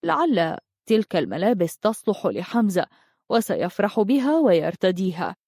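Soft heartfelt young guy from a storybook, a woman reading him, mellow and dry. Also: mid-range voice, big pitch swings, moderate pace, slightly rough, no room sound. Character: gentle lonely young Nubian man.

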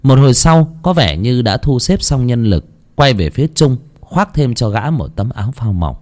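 A man narrating a ghost story in an expressive, dramatic storytelling manner. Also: medium pitch, normal speed.

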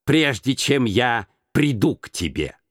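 A man's voice: medium pitch, very animated, slow pace, fairly bright tone, dry recording, clean studio sound, exaggerated voice. Man doing a scornful old miser. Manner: curt, scornful, snapping. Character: stingy grumpy old male miser.

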